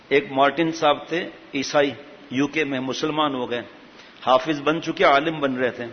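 A man delivers a storytelling sermon in a slightly raised voice. He acts out the voices in his anecdotes with lively delivery. The audio is dull and carries a long hall echo with faint hiss. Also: a little high. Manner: animated storytelling, acting out dialogue. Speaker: preacher.

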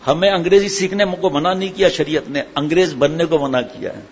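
A man's voice: fairly high pitch, steady tone. A middle-aged man preaching a sermon, asking his listeners questions and answering them himself. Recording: hall echo, dull sound, faint ambient noise.

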